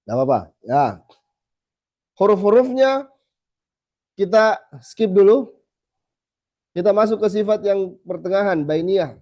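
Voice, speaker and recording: A man teaching a small group how to recite, saying letter sounds slowly again and again and then correcting them. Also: high-pitched, lively intonation, warm tone. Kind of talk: tajweed lesson to a small group. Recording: slightly dull lo-fi recording.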